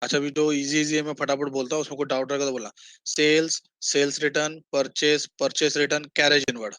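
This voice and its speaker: A man's voice: on the high side, fairly even intonation, fast, fairly bright tone, dry recording. A man teaching an online accounting class, quizzing students and mixing English terms into his Hindi.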